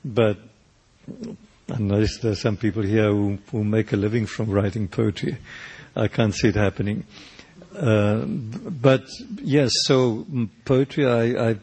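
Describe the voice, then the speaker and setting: With a low-ish, steady and slightly rough voice that is a little mellow, an older man with a South African accent answers interview questions, pausing, faltering and restarting often as he thinks. He is a poet and painter from South Africa, and Afrikaans is his first language.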